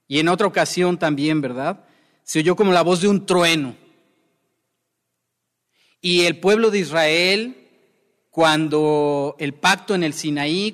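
A man preaching a verse-by-verse Bible sermon in a slow, deliberate way, often stopping to check in with his listeners. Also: on the high side, fairly bright tone, long reverb tail.

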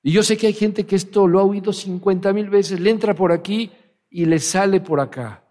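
A man's voice: high-pitched, normal speed, dark tone. A male pastor preaching a sermon, emphatic and often asking the congregation questions. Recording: church hall reverb.

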